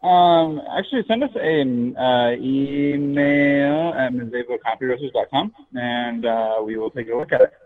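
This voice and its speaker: This is a man answering a call at a coffee shop, speaking in a polite, businesslike way. His voice sits at an ordinary middle pitch. It reaches us over the phone, narrow and tinny like a cheap phone line. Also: unhurried, few pauses. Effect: heard over the phone.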